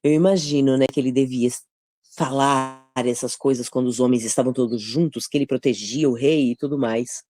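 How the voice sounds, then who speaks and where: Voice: mid-range voice, fairly even intonation, brisk, mellow. A study leader explaining a chapter conversationally, step by step, often checking in with listeners. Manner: conversational, explains step by step, frequent tag questions. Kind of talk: casual Bible teaching.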